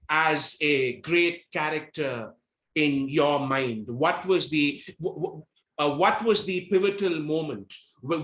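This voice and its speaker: A man's voice: fairly high pitch, fairly bright tone, reverberant. A man hosting a casual panel discussion, rambling through restarts and posing long questions. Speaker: podcast host.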